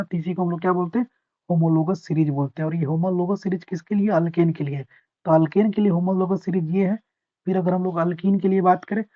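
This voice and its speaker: Speaking in a high-pitched voice, a man revises chemistry with his class, patiently repeating the main points and slowly reading English definitions. He keeps asking the students whether things are clear. The audio has a dull, lo-fi quality.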